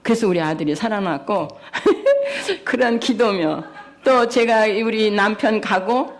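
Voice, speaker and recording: A woman's voice: medium pitch, big pitch swings, measured pace. A middle-aged woman giving a personal testimony at a church service, telling her story with animation and acting out the voices of the people in it.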